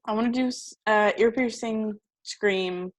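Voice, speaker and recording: A woman chatting as a player in a tabletop game, hesitant and giggly, with frequent ums. Her voice sits at a middle pitch. Her speech is casual and unpolished. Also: unhurried.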